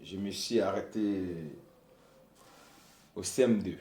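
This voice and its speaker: A man, haltingly recounting his life in a personal testimony. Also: low-pitched, steady tone, a little mellow. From Côte d'Ivoire. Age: 20s. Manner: halting, searching for words. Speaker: young interviewee. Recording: roomy echo.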